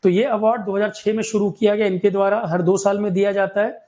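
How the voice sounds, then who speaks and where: High-voiced Indian man teaching exam prep. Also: flat delivery, quick pace, mellow, poor audio. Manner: repetitive, drills key facts, asks "clear?". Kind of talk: current affairs lecture.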